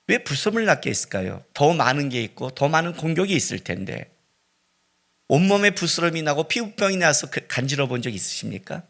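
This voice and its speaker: A middle-aged man preaching a sermon as pastor, swinging between loud cries and hushed, near-whispered lines. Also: on the high side, sing-song, a little fast, vocal fry. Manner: dramatic preaching with sudden loud rises and hushed drops.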